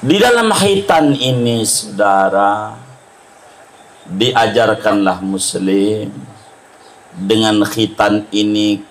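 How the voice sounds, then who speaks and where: A man, giving a sermon at a family celebration and telling humorous stories with slow, emphatic stresses. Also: medium pitch, a bit bright, low-quality recording. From Indonesia. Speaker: preacher. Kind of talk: sermon at a circumcision feast.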